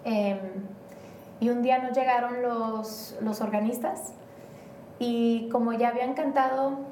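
With a slightly high, warm voice, a Mexican woman talks at a measured pace in a steady tone. She's a guest in a casual interview, rambling hesitantly and filling gaps with many fillers. The recording is distant and roomy, with faint noise.

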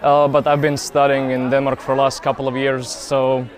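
A young man from Croatia, answering interview questions at an outdoor festival in an earnest, hesitant way, with many pauses and fillers. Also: mid-range voice, completely flat delivery, a faint crowd. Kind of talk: casual street interview. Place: outdoor youth festival grounds.

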